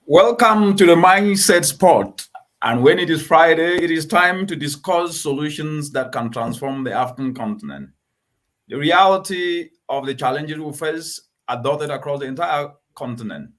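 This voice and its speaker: Male host, emphatic and earnest, voice sitting a bit high. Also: expressive, normal speed, a bit bright. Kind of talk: talk show interview.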